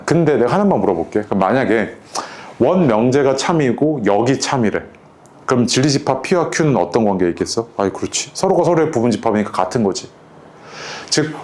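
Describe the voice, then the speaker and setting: A man's voice: medium pitch, a little mellow. A man teaching a math lesson in a casual, conversational way, often asking his students whether they follow. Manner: casual, keeps checking in with students. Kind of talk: lecture to students.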